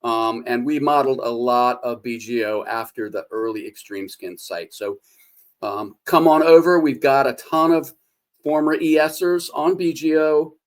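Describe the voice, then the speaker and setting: A man's voice: medium pitch, a little slow. Man chatting casually on a cooking vlog. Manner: relaxed and folksy, with many fillers. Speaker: fan forum founder and video host. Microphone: phone held by the speaker.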